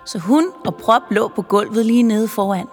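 A woman narrating a children's Christmas story with lively, playful storytelling. Her voice sits in an ordinary mid range. The reading rings with a long reverb over soft background music. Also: medium pitch.

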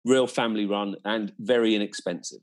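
A man with a lowish voice and fairly even intonation speaks a little fast in a casual, conversational chat. As a guest, he recounts his experiences enthusiastically, descriptively and emphatically.

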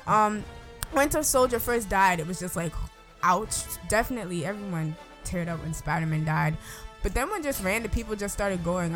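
A woman giving a casual, unscripted review, her words slightly slurred by braces and rubber bands as she tells it in an animated, emphatic way. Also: medium pitch. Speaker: movie reviewer.

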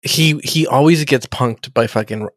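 A man's voice: mid-range voice, measured pace, no room sound, studio quality. A man in casual podcast chat, recapping an episode in a rambling, profane way and calling everyone "dude". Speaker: podcast co-host.

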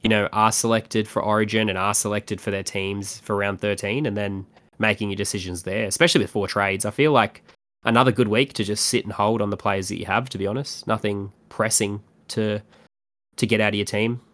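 Lowish-voiced Antipodean man chatting sport. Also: steady tone, brisk, fairly bright tone. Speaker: podcast co-host. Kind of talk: casual sports fantasy chat.

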